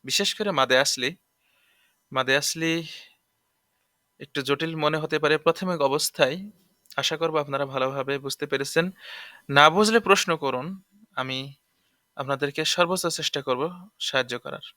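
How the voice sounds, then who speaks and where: A male Quran teacher gives an online tajweed lesson in a bright, ringing voice. He explains quickly, then slows down and stresses each letter as he spells it out. The sound is dry and close, with no room echo. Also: a little high.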